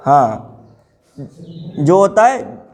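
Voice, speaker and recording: A man's voice: sits high, sing-song, very slow, a little mellow. A man teaching a grammar class, repeating each word and putting questions to his students. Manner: drilling words, repeating answers, asking the class questions.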